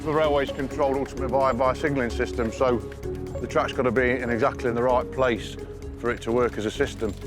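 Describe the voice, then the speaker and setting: Male railway engineer, technical explainer, brisk pace, music underneath. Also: mid-range voice, fairly even intonation.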